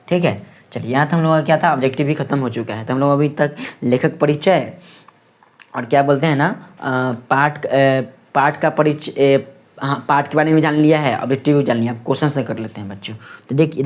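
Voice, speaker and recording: A man with a Bihari Hindi accent teaching an exam-prep lesson, rushing through quiz questions and checking in with his students over and over. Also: medium pitch. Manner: quick, repetitive, keeps asking "ठीक है?".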